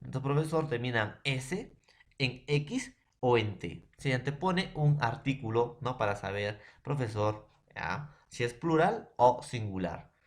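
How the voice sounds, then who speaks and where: Speaking in an expressive mid-range voice, a man leads a class through a grammar lesson, going slowly, repeating himself, and often checking on the students.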